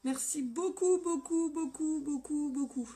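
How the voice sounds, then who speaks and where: Upbeat, slightly hoarse female live-stream host; high, leisurely delivery, cheerful viewer shout-outs. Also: measured pace. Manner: upbeat, greets viewers by name. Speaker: live makeup tutorial host. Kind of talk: casual live-stream chat and makeup demo. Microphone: phone.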